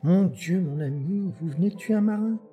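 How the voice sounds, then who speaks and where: A man's voice: a little high, big pitch swings, unhurried, warm tone, lo-fi sound, faint music behind, pitched above the performer's own voice. A man voicing a flamboyant, witty male poet who is anxious and pleading, in a mannered way of talking.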